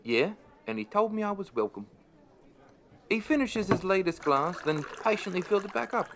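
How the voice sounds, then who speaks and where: In a radio play, a man plays a middle-aged pub landlord telling his own tale. His fairly high voice is dry, amused and understated like an unimpressed storyteller, yet animated and creaky at normal speed, over a noisy background.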